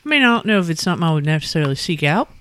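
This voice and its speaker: A woman's voice: lowish voice, sing-song, very fast, fairly bright tone, no echo. Chatty woman host, casual snack tasting, dry close sound. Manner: chatty, lots of fillers, reads labels aloud. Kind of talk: casual chat, taste-testing snacks.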